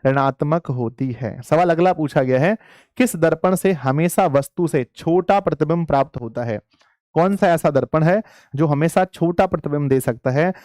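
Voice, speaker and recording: A man's voice: a little high, normal speed, darkish tone, no room sound, clean studio sound. A man teaching a live online class, coaxing his pupils like dear children and repeating phrases for emphasis.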